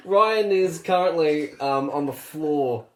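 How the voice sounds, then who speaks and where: A man's voice: fairly high pitch, echoey room. Joking man co-hosting a podcast. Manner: jokey, laughs easily. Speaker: podcast co-host. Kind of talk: casual interview over an internet call.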